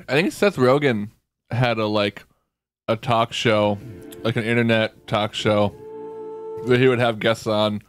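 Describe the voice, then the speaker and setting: A man in the band chatting on a livestream, rambling through stories and asking questions. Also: fairly low pitch. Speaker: band member. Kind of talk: casual chat on a livestream.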